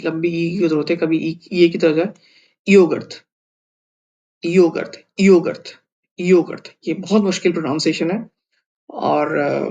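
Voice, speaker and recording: A man's voice: fairly high pitch, darkish tone, dull audio. A man teaching a language lesson, patiently sounding out words syllable by syllable and repeating them for practice.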